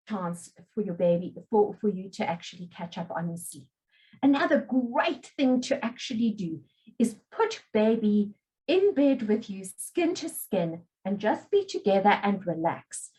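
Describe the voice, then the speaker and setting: A woman presenting in a webinar as a childbirth educator, giving calm, reassuring advice. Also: medium pitch, rough recording.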